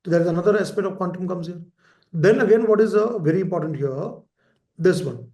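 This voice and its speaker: High-voiced man lecturing in an echoey room. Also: a little fast, mellow, lo-fi sound. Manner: repeats key terms, asks frequent "right?" checks. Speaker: teacher. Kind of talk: lecture for exam preparation.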